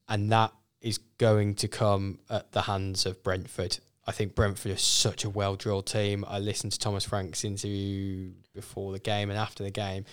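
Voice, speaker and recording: Talking fantasy football casually as a podcast guest, this man has a smooth, lowish voice. He works through his thoughts out loud, fixing his own statements along the way.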